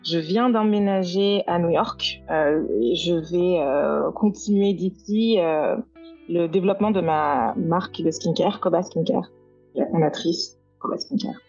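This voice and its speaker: A woman's voice: fairly low pitch, measured pace, darkish tone, slightly rough, lo-fi sound, soft background music. A woman in her thirties from France, a guest on a podcast interview, speaking hesitantly with many fillers. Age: 30s. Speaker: guest, skincare founder.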